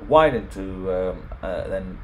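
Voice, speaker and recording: Speaking slowly but animatedly in a low voice, a man leads an informal home automation tutorial, going through the software step by step. A little hiss or hum sits in the recording.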